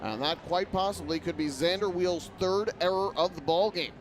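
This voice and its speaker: A man's voice: high voice, moderate pace, noisy background. A man calling a baseball game as a play-by-play broadcaster, with descriptive, clipped phrasing. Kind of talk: live sports commentary.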